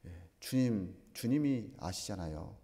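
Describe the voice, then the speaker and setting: A male pastor preaching a sermon, slow and emphatic, asking the congregation questions. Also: lowish voice, animated, dark tone. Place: church sanctuary. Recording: long reverb of a church hall.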